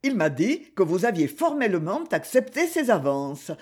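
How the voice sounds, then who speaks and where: A man's voice: high voice, very animated, moderate pace, slightly rough, heavily acted. A man playing a jealous, menacing rejected suitor. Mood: menacing, bitter. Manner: sullen and menacing. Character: jealous, threatening spurned male suitor.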